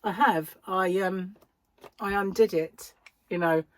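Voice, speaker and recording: A woman's voice: medium pitch, takes it slowly. A British woman chatting casually and self-deprecatingly in a rambling vlog, with a slight speech impediment that occasionally blurs her words. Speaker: crochet vlogger and yarn shop owner.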